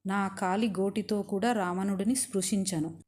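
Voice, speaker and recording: Give me a stern captive queen lecturing a king, read by a woman storyteller, warm and mellow. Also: mid-range voice, fairly even intonation, normal speed, close to an everyday voice. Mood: firm devotion. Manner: scolding, lecturing.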